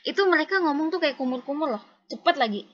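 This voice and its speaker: A woman teaching Mandarin pronunciation in a casual one-on-one lesson, patiently modelling syllables and tones slowly and clearly. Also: high voice, lively intonation. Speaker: Mandarin tutor. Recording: dull lo-fi sound.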